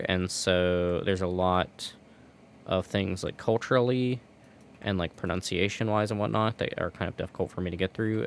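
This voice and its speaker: A man with a deep voice streams from home, chatting casually as he games, rambling and restarting his words, with slight background noise.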